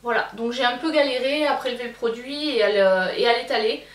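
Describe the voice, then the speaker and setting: A woman's voice: a little high, brisk, distant mic. Chatty woman vlogger in an echoey room. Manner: hesitant, many fillers and restarts. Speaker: beauty vlogger. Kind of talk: casual product review.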